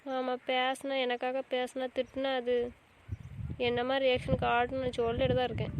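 A woman's voice: sits high, monotone, fairly quick, slight background noise, lightly acted. A woman playing a hurt young wife in an amateur drama, scolding and insisting. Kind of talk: amateur web drama acting.

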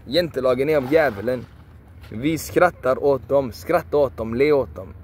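A man's voice: medium pitch, a little mellow, a little hiss or hum. A man giving a passionate motivational monologue, repeating phrases emphatically, swearing for emphasis and sounding preachy. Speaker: video creator.

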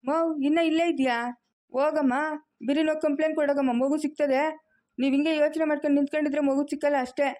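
A woman's voice: sits high, flat delivery, quick pace, warm tone, close to an everyday voice. A woman playing a chatty male vegetable seller calling out his wares in an amateur family skit. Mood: gossipy.

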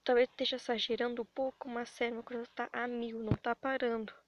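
A woman's voice: a little high, level tone, fast, lo-fi sound, a little hiss or hum. A woman with a Brazilian accent vlogging about her animation channel. She is anxious and near tears, and her rambling, breathless talk keeps breaking off and restarting. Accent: Brazilian Portuguese. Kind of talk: emotional webcam vlog.

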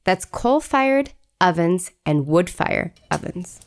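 A woman's voice: on the low side, expressive, slow pace. A woman hosting a podcast, chatting in a playful, casual way. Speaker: podcast host.

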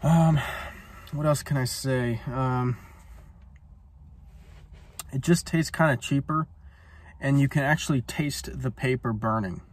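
A man in his twenties smokes a cigar in a parked car and reviews it casually, filmed on a phone camera set on the dashboard. His medium-pitched voice moves slowly with long pauses, laid-back and rambling, full of ums and uhs. There's a little hiss or hum.

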